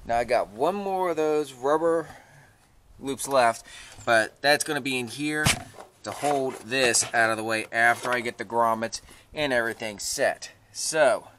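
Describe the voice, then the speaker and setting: This middle-aged man has a mid-range, somewhat bright voice as he gives a casual how-to narration about his truck project. Recorded outdoors next to the vehicle in a residential yard on a handheld camera held at arm's length, the sound is clearly noisy, with clicks.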